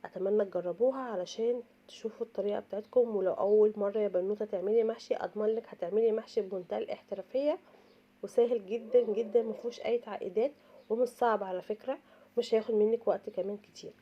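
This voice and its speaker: A woman's voice: medium pitch, fairly even intonation, fast talker, lo-fi sound. A middle-aged Egyptian woman chattily giving an informal cooking tutorial, repeating points for emphasis, her voice slightly worn by a coming cold. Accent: Egyptian Arabic. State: slightly tired voice from oncoming cold. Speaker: home cooking show host.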